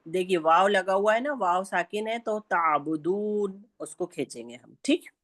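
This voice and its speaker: A woman with a Pakistani Urdu accent teaching Quran recitation in an online class, speaking slowly and patiently and stretching out sounds to demonstrate them. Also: medium pitch, a bit bright.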